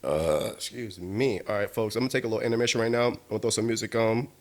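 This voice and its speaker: A man's voice: on the low side, fast talker, slight background noise. A man hosting his own podcast, telling stories in a loose, profane way and often asking "you know what I mean", a bit tipsy from drinking. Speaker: podcast host. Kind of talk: casual monologue.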